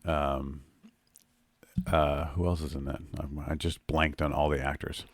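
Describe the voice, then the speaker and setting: A man's voice: rumbling low, little pitch movement, a little slow, no echo. A man co-hosting a casual podcast with his wife, playful and teasing, laughing easily. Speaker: podcast co-host. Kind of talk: casual chat.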